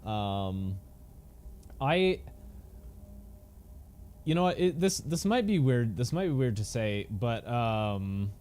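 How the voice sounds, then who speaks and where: A man's voice: medium pitch, expressive, takes it slowly, long pauses, darkish tone, clean tone. A man streaming a game and chatting casually, rambling with lots of fillers and restarts. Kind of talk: casual gameplay chat. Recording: game engine noise behind voice.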